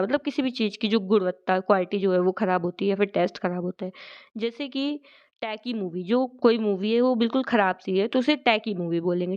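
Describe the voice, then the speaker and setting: A woman explaining English words in a lesson, speaking Hindi as her first language and reading out English definitions slowly and deliberately. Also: mid-range voice, a little mellow, clean tone, lo-fi sound. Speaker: vocabulary teacher.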